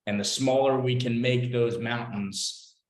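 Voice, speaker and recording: A man's voice: medium pitch, fairly even intonation, measured pace. Affirming male host, echoey room. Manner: agreeable, affirming. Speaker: session host. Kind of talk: casual interview questions. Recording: roomy echoing mic.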